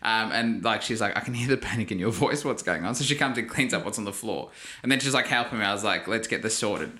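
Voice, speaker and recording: A young man co-hosting a podcast, telling funny stories in a casual, animated way and laughing often. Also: lowish voice, fast. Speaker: podcast co-host. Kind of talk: casual chat.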